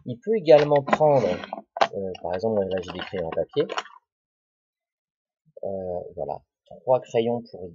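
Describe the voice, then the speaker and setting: A man teaching young children a lesson, talking slowly and deliberately and repeating words and syllables. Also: low voice, expressive, background noise. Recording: dull lo-fi recording.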